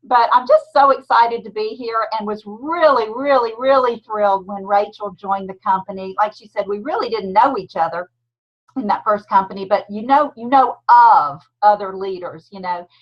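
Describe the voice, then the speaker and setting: A woman's voice: mid-range voice, normal speed. Southern georgia lady in her 50s, thick drawl, dull lo-fi call sound. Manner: warm storytelling with a thick drawl. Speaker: guest speaker. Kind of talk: casual talk on a video call. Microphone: video call.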